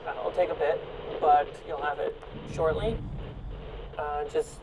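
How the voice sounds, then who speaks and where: A woman with a low, unhurried voice runs a tabletop game as game master, explaining and narrating in a casual, improvised way. Loud music plays behind her and there is background noise.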